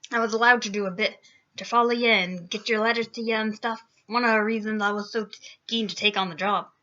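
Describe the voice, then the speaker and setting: Woman reader doing a loud, rustic, kindly giant gamekeeper; bright, forceful tone, lo-fi audio. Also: mid-range voice, fairly even intonation, a little fast, close to an everyday voice. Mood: rueful. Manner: loud rustic dialect speech. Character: big gruff kindly male giant gamekeeper. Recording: dull lo-fi recording.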